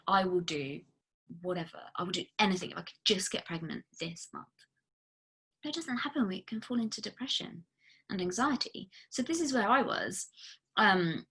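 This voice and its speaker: A woman's voice: fairly high pitch, a bit bright, slightly rough. A woman fertility coach giving a casual recorded masterclass, chatty and emphatic, with blunt, candid asides. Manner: chatty and emphatic, frequent "like" fillers.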